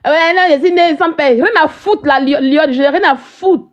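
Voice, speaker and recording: Combative high-voiced woman ranting on a live stream. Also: moderate pace, lo-fi sound. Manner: combative, mocking, keeps asking "hein?". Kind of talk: heated live stream rant at viewers.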